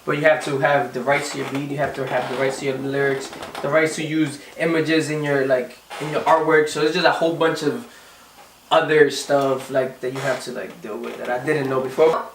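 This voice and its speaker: A man's voice: medium pitch, little pitch movement, fairly quick, echoey room, distant mic, slight background noise, rough recording. A young man from the Dominican Republic, a singer answering interview questions casually, often restarting and repeating words. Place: recording studio.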